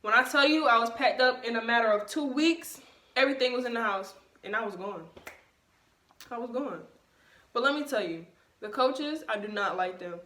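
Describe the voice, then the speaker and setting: Bright-voiced young woman telling a story. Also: medium pitch. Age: young adult. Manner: emphatic, indignant retelling. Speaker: vlogger. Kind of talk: casual storytime vlog. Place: bedroom, at night. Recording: roomy, mic at a distance.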